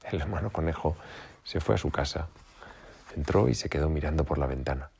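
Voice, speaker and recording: Narrador masculino de cuento infantil, grave y sosegado. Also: male voice, extremely low pitch, a little fast, creaky, slightly rough. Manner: calm, even narration. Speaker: storyteller. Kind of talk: children's story reading.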